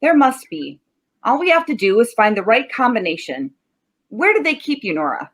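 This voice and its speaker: Actress as sardonic police sergeant for radio play, interrogating, fairly high voice, very expressive. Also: female voice, normal speed. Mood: probing. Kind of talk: 1940s radio drama acting.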